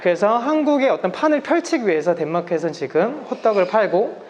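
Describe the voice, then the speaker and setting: A South Korean man in his thirties, appearing as a guest lecturer, gives a polite, explanatory public talk, his voice slightly muffled by a face mask. He speaks fairly quickly in a high, expressive voice. The live recording has background noise.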